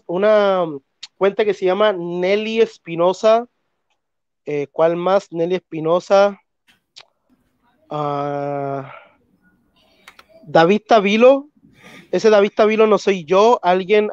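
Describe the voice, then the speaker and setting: A Chilean man with a Chilean Spanish accent hosts a live stream debate, arguing earnestly and insistently about theology and repeating phrases. He sounds congested and keeps clearing his throat. His voice is high-pitched, darkish, and a little slow, recorded clean with no room sound but with the highs cut off.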